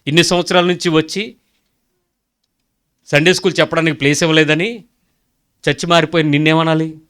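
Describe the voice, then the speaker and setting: A man's voice: fairly high pitch, fairly even intonation, brisk, fairly bright tone, clear, resonant tone. A man preaching a sermon, emphatic and full of rhetorical questions, acting out prayers and conversations. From India.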